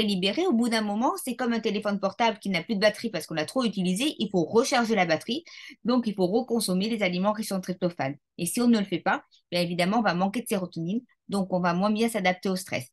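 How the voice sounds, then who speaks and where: A woman's voice: mid-range voice, quick pace. A woman, a neuroscientist guest on a podcast, explaining science in a methodical, teacherly way with frequent hesitations. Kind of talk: explanatory interview talk.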